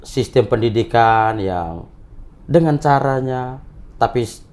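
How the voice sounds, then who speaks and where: Man, young priest, animated pitch, laughs a lot, casual chat. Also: takes it slowly. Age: young adult. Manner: laughs often, warm storytelling.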